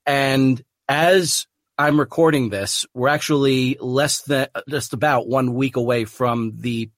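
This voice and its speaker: Speaking slowly with fairly even intonation, this medium-pitched man hosts a casual podcast chat without any echo. He comes across as earnest, wandering a little, restarting sentences and laughing easily.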